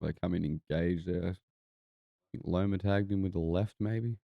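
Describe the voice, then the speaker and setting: A man's voice: sits low, steady tone, measured pace, gravelly, no room sound, dull audio. A man with a broad New Zealand accent giving casual, laid-back, sweary live fight commentary. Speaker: boxing watch-along podcast host.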